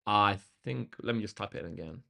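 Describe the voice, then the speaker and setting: On a maths tutoring livestream, a man with a lowish, sharp-toned voice talks a little fast. His voice is slightly croaky and tired, and he speaks casually and directly to viewers, thanking them.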